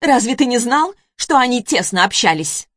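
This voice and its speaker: Женщина-чтец озвучивает вспыльчивую бывшую жену средних лет, которая громко и обвиняюще кричит. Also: female voice, on the high side, very animated, normal speed, dry recording, clean studio sound, pitched above the performer's own voice. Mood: scornful. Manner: heated, accusing, shouting. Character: furious shrill ex-wife, middle-aged woman. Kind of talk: audiobook character voice.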